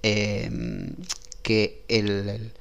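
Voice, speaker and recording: A man with an Argentine accent playing a hesitant male doctor in a comic sketch, halting with many filler sounds and restarts. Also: fairly low pitch, monotone, a bit bright, clear, resonant tone, exaggerated voice. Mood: earnest. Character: hesitant male doctor explaining odd treatments.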